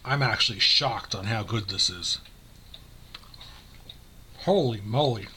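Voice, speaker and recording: A man's voice: fairly low pitch, moderate pace, pushed and bright, a little hiss or hum. Frank, rambling man vlogging. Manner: frank, rambling, eating while talking. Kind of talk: casual talk to camera. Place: home room.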